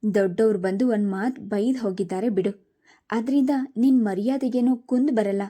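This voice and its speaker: A woman's voice: medium pitch, normal speed, mellow, close to an everyday voice. A woman voicing a curt, stern old grandmother who grumbles and scolds in short replies, in a read-aloud storybook. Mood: scolding.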